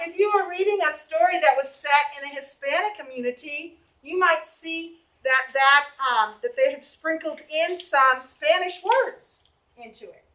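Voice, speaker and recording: A woman's voice: high-pitched, pushed and bright. A woman from the Boston area with a Boston accent, teaching a reading lesson in a classroom and calling on students by name with questions. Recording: echoey classroom.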